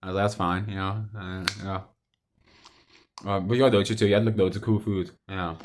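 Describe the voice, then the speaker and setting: Casting: young adult male vlogger, lower-pitched, casual and hesitant, loops back over his own phrases. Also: steady tone, moderate pace, a little hiss or hum. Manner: hesitant, repetitive, with trailing thoughts. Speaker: video diarist. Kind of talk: casual rambling monologue to camera.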